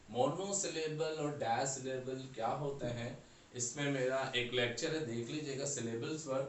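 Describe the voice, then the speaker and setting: A man's voice: medium pitch, a little hiss or hum. A man teaching English grammar, spelling words out letter by letter and checking that students follow. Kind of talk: classroom grammar lecture. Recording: echoey room, far from mic, faint ambience.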